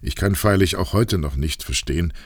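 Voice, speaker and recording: A troubled aristocratic count, read by a man with a very low, gravelly voice. He tells his story in a grave, confessional manner. The dry recording has no room echo. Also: moderate pace. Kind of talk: audiobook reading.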